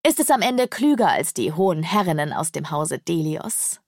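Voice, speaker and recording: A woman's voice: sits low, big pitch swings, moderate pace, darkish tone, no room sound, studio quality, full character voice. A woman voicing a haughty, cruel male demon lord who talks down to others with scorn, in an audiobook. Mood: scornful. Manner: scornful, condescending.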